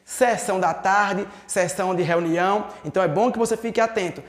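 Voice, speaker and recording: A Brazilian man with a brisk, high-sitting voice teaches a recorded exam-prep lesson in an echoey room. His didactic style has him posing questions to himself and then answering them.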